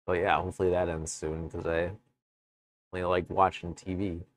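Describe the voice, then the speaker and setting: A man streaming live from his woodworking shop, chatting casually with viewers in a relaxed, rambling way. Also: sits low, normal speed, no echo. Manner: relaxed, rambling, chats with viewers between tasks. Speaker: woodworking livestreamer. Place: home workshop.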